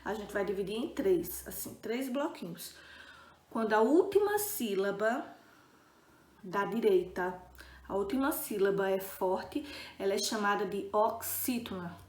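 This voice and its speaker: A woman's voice: medium pitch, lively intonation, measured pace, roomy sound. A woman teacher giving a recorded video lesson, patient and checking in often with her students.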